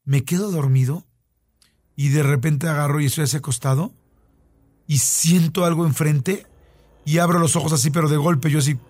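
A man's voice: on the high side, fairly even intonation, moderate pace, long pauses, darkish tone, no echo. A man with a Mexican accent telling a long story in casual chat, with many fillers and repeats.

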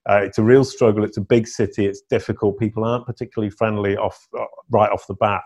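A middle-aged Englishman, a guest in a casual interview, tells stories with animated, playful emphasis. His voice is on the low side and he talks at a quick pace.

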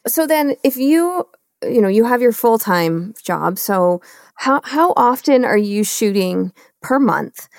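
A woman hosting a podcast, asking her guest questions with quick encouraging affirmations. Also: on the high side, lively intonation, creaky, a little mellow, no echo, clean studio sound. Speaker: podcast host. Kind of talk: interview questions.

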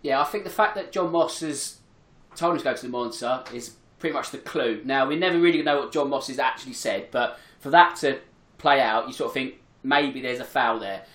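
A man hosting a casual football chat, steering it with brisk segues. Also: mid-range voice, a bit bright. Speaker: host. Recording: roomy echo.

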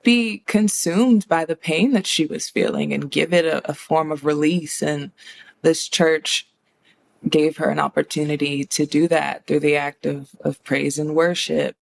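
An American woman, a horror writer and director, talks as an interview guest in a reflective, conversational way, choosing her phrasing thoughtfully. Her voice is low and gravelly, with fairly even intonation and a measured pace.

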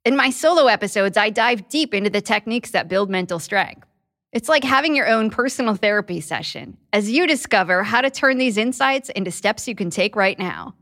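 A woman's voice: medium pitch, animated, a little fast, fairly bright tone. A woman who hosts a podcast, reading a scripted promotional spot. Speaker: podcast host, therapist.

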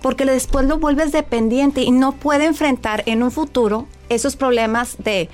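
A woman's voice: high-pitched, normal speed, a little mellow, faint music behind. A woman, a child psychologist, explaining parenting advice step by step in an interview. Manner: clear, agreeable, explains step by step.

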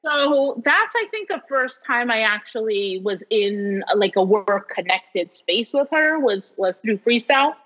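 A woman from New York in her forties, a professor telling stories as an interview guest in an animated way, laughing often. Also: a little high, a little slow, hardly any pauses. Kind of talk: casual storytelling interview. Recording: dull lo-fi sound with long reverb.

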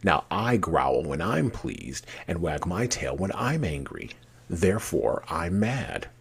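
A man voicing a grinning, mad talking cat in a storybook, with deliberate, matter-of-fact riddling. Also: low voice, big pitch swings, creaky, a little hiss or hum, full character voice. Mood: playfully mad.

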